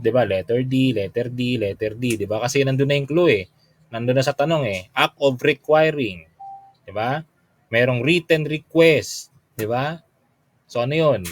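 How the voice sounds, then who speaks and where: A man's voice: mid-range voice, no echo. A young adult Filipino man teaching a review class. He reads quiz items aloud, then quizzes listeners with frequent tag questions, politely mixing English and Tagalog. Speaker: teacher reviewing for a licensure exam. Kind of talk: online review lecture.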